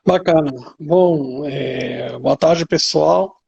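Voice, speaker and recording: A middle-aged man with a Venezuelan accent, Spanish being his first language, explains things as a guest expert in an online chat, hesitant and slow in places, with many fillers and restarts. His voice is a little high, with vocal fry and a dark tone. The lo-fi sound carries slight background noise.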